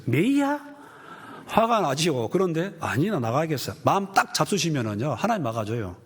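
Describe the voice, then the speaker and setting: A male pastor delivers a sermon in a husky, slightly breathy voice. His pitch swings widely as he acts out the people in his stories, jumping high for exclamations and dropping low for asides. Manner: animated storytelling, acting out quoted voices.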